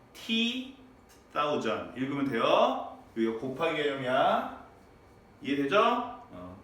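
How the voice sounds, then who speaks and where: A male English teacher gives a lively classroom lecture, his voice swinging up and down as he quizzes students with constant tag questions. He sounds a little high for a man. He is caught from far off in a very echoey room with faint background noise. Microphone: far from the mic.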